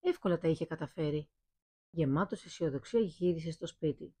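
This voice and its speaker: A woman reads a fairy tale aloud at a steady, even pace. Her voice is mellow and slightly husky. The recording is close and dry. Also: low voice, dry recording. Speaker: storyteller.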